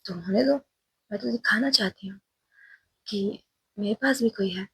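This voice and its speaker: A woman's voice: medium pitch, normal speed, a bit bright, husky. A woman voicing a cheerful, clingy young college student who speaks in a cute, teasing way. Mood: sweet pleading.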